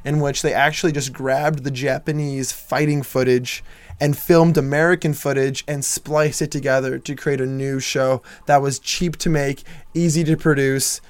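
Joking, swearing and laughing his way through a casual movie podcast, a young male co-host keeps things loose. His voice is smooth and medium-pitched with a steady tone, and the audio has no echo.

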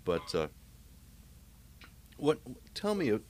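A man's voice: medium pitch, slow pace. A man hosting a podcast, chatting in an easygoing way with a guest. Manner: relaxed, easygoing, many restarts. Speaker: podcast host. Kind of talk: casual interview chat.

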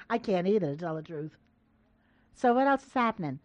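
A woman's voice: lowish voice, lively intonation, moderate pace. A woman hosting a radio call-in show, chatting casually and teasing her callers in a coaxing way. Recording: dull lo-fi radio broadcast sound.

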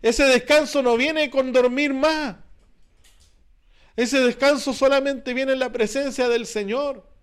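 A man with a Chilean Spanish accent preaches to his congregation. His voice sits very high, and he presses his points earnestly, circling back with repeated phrases and rhetorical questions. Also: steady tone, slow, clear, resonant tone. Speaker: pastor. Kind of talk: sermon.

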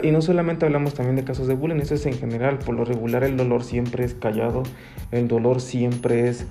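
Man, gravelly voice, earnest advice-giving guest. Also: mid-range voice, dark tone. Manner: earnest, explanatory, frequent restarts and fillers. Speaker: guest expert on child bullying. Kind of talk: radio-style talk, advising parents.

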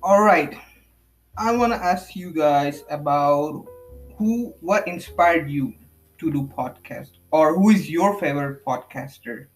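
A man's voice: on the high side, measured pace, faint music behind. A man hosting a casual podcast chat, teasing his friends and laughing often. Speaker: podcast host.

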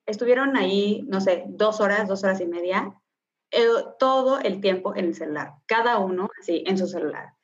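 A woman's voice: mid-range voice, normal speed. Chatty Mexican woman, slightly muffled. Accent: Mexican Spanish. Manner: chatty, slangy storytelling. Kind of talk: casual chat.

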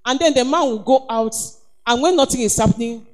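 A woman's voice: a little high, brisk. A woman with a Nigerian accent preaching a sermon, emphatic and exhorting, with frequent calls of praise.

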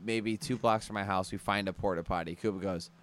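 A young man telling a story on a podcast, animated and laughing, swearing often. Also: on the low side, brisk, a little hiss or hum. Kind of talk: casual storytelling.

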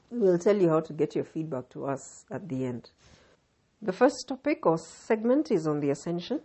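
A woman with a Kenyan accent hosting a podcast, delivering scripted narration with deliberate, emphatic phrasing. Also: low voice, dark tone, husky. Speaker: podcast host.

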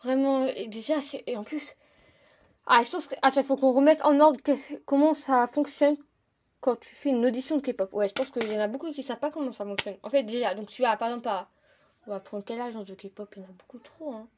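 A young woman hosting a casual solo podcast, talking fast and chatty, often calling her listeners "the guys". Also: fairly high pitch, dull audio. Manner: fast, chatty, addresses listeners as "les gars". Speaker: podcast host.

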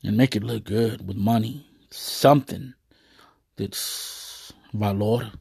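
Gravelly man, rambling and earnest. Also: lowish voice, steady tone, takes it slowly, a little mellow, no echo, studio quality. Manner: rambling, hesitant, heavy on fillers; earnest, proud. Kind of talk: casual monologue to viewers.

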